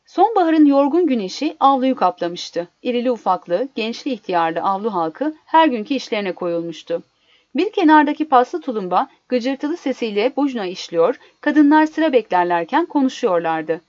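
A woman narrating a story in an expressive, dramatic reading, in a dull lo-fi recording. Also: on the high side, moderate pace, no echo. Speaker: reader.

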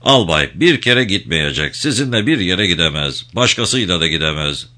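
A man's voice: low-pitched, very animated, moderate pace, sharp tone, exaggerated voice. A man reading an audiobook, voicing a blunt, defiant soldier.

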